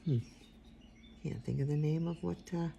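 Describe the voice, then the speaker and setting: A quiet, gravelly older woman with a low, soft-spoken voice leads a casual watercolor tutorial at normal speed. She rambles, trailing off and mumbling while she concentrates. A little hiss or hum is audible.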